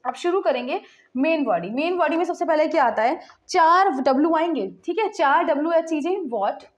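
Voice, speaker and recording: Her high-pitched voice is animated and moves at normal speed as this young teacher runs an informal online class. She blends Hindi and English within sentences, goes over things repeatedly, and keeps asking students "theek hai."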